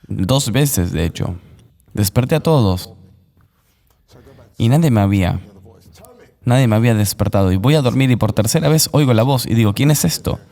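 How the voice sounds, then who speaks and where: A man recounting a personal testimony as an interview guest, in an earnest, measured voice-over. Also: mid-range voice, expressive, mellow, in a large hall.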